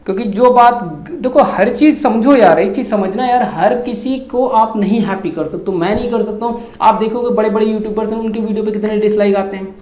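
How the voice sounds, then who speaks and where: Speaking briskly with few pauses, a man whose voice sits high with a darkish tone chats to his YouTube audience, responding to their comments. His Hindi-English mix is peppered with "yaar" and "bhai," and the room he records in is echoey.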